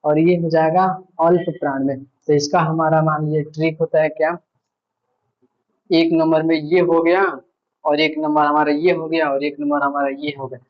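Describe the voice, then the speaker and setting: A man's voice: on the high side, little pitch movement, moderate pace, highs cut off. A male teacher giving an online grammar lesson, patiently repeating points and asking himself questions.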